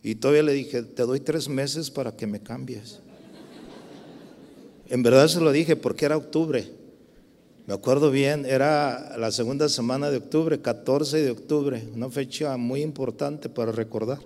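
A man's voice: medium pitch, moderate pace, darkish tone. A middle-aged man with a Mexican Spanish accent, preaching a sermon with a personal testimony in a conversational way, full of tag questions and restarts. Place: church. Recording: church hall with long reverb.

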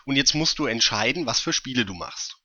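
A man's voice: mid-range voice, animated, fairly quick, pushed and bright, no echo, lo-fi sound. A man co-hosting a casual gaming podcast, explaining his points through hypothetical scenarios. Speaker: podcast co-host.

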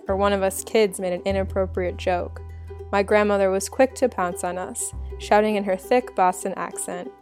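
A woman's voice: medium pitch, gravelly, a little mellow. A woman hosting a podcast, telling a reflective story in scripted narration. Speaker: podcast host.

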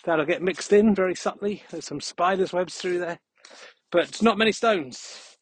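A man's voice: sits high, measured pace, breathy edge. A man hosting a podcast as a casual, rambling monologue while walking outdoors on a country path. He is out of breath and adds dry, jokey asides. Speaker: podcast host.

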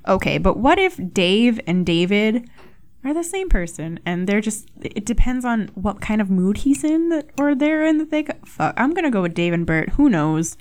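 There's a sing-song, slightly mellow quality to this mid-range female voice, delivered at a moderate pace. The young woman runs a one-person podcast, chatting casually, rambling, teasing herself, and swearing frequently.

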